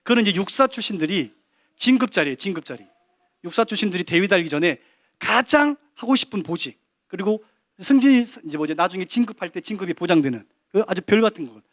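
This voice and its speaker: Man, church testimony, high voice, quick, animated storytelling, dry close sound. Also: no room sound. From Korea. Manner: animated storytelling with quoted dialogue. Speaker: church deacon giving testimony. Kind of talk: testimony talk at a church service.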